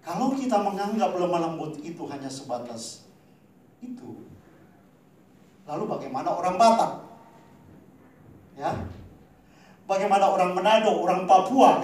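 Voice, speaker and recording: A male pastor preaching a sermon, addressing the congregation directly, swinging between loud emphatic peaks and quiet low asides and tagging his lines with a questioning "ya". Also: animated, a little slow, long pauses. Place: church hall. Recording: very echoey hall, from far off.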